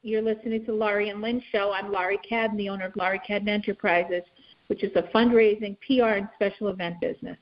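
Female talk-show host, mid-pitched, casual delivery, slightly lo-fi radio sound. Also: steady tone, fast talker.

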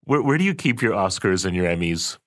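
Low-voiced male interviewer, admiring. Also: sing-song, brisk, fairly bright tone. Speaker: interview host. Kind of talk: interview questions.

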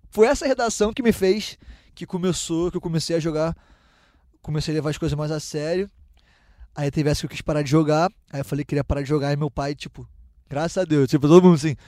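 Lively young man. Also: on the high side, no echo, clean studio sound. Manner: lively storyteller with many restarts. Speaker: guest, professional footballer. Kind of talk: casual storytelling.

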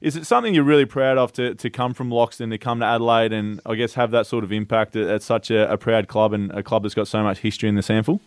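A man's voice: on the low side, steady tone, fast, few pauses, clear, resonant tone, no room sound, studio quality. An Australian man co-hosting a casual sports interview show, talking in a matey, complimentary way. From country South Australia. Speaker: radio show co-host.

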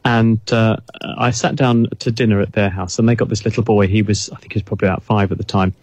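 A man's voice: fairly low pitch, steady tone, fast, a little mellow, no room sound. A man, a guest expert on a radio chat, explaining thoughtfully with frequent restarts.

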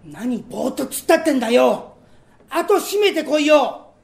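A man performing comic storytelling, voicing a gruff, bossy male thief chief who scolds in rough street talk. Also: very high voice, big pitch swings, normal speed, full character voice. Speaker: rakugo storyteller.

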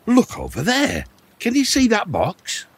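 A hungry old man adrift in a boat, his voice raspy and gravelly. He talks slowly and dithers, wistful, with pitch that rises and falls a great deal. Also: huge pitch swings, heavily acted. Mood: excited. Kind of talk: children's audio story acting.

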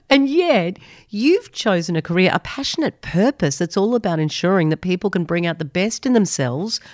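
Low-voiced woman co-hosting a radio show. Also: expressive, moderate pace, darkish tone, no room sound, clean studio sound. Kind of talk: scripted radio banter and interviewing.

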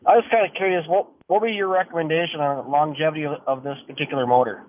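A man calling in over the phone to a radio show, rushing eagerly through his question. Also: fairly high pitch, steady tone. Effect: heard over the phone. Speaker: caller. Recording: tinny phone line with faint noise.

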